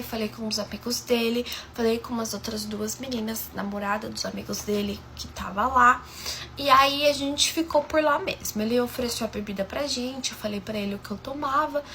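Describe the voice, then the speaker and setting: A woman's voice: on the high side, pushed and bright, a little hiss or hum. A young Brazilian woman telling a personal story in a chatty, gossipy way and speaking straight to her viewers. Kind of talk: casual storytime monologue.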